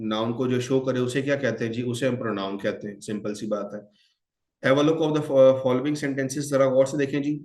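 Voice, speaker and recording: In an online exam-prep lecture, a man of medium pitch teaches English grammar, mixing Hindi-Urdu with English. He calls his students children and quizzes them, asking questions and answering them himself, and his voice sounds reverberant.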